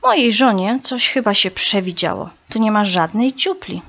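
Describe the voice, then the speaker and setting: A woman's voice: mid-range voice, sing-song, normal speed, fairly bright tone. A woman voicing a big, impatient male starling in a storybook reading, grumbling and resigned. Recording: slightly dull recording.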